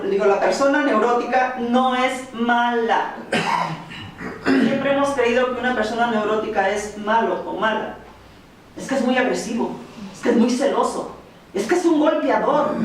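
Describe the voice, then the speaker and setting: A woman giving a lecture to an audience, speaking slowly and emphatically as she lists one point after another. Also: fairly high pitch, a little hiss or hum. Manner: slow, emphatic delivery of long lists. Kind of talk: motivational lecture. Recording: very echoey hall, from far off.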